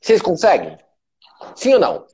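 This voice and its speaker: A man's voice: sits high, huge pitch swings, normal speed, darkish tone, husky, lo-fi sound. A man with a Brazilian Portuguese accent hosting a motivational live stream, emphatic and repetitive, swearing freely. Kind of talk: motivational live talk to followers.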